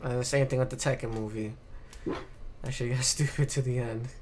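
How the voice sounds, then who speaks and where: With fairly even intonation and a fairly quick pace, a male podcast host in a mid-range, darkish voice rants through film commentary and casual chat, full of exasperated stress, repeated words and casual curses. A little hiss or hum is audible.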